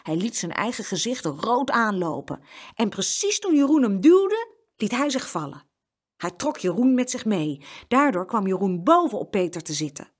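A woman reading a children's story aloud as narrator, with expressive storytelling. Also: medium pitch, moderate pace, husky.

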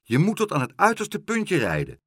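A man voicing a frantic male seagull with a wooden leg, shouting shrilly in a children's story. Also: fairly high pitch, very animated, slow, breathy edge, no echo, clean studio sound, pitched above the performer's own voice, heavily acted. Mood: urgent. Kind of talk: storybook reading.

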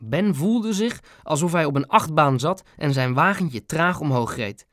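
Male narrator for a children's audiobook, lively, slightly high, dry studio sound. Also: a little slow, no echo. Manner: lively storytelling.

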